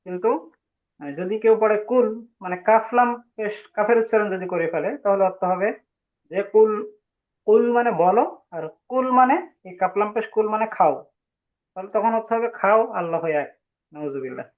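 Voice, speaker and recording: A man leads an online pronunciation lesson, stretching each sound slowly and asking students to repeat. His voice sits high. It comes through a tinny, phone-like line. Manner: patient, drawn-out demonstration of sounds, calls on students. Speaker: Arabic alphabet teacher. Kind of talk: online class teaching pronunciation.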